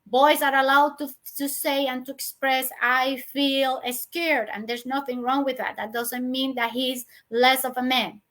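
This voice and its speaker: A woman's voice: high-pitched, flat delivery, moderate pace, hardly any pauses, a bit bright. A middle-aged woman answering parents' questions in a live webinar, earnest, often repeating herself, with many fillers and restarts.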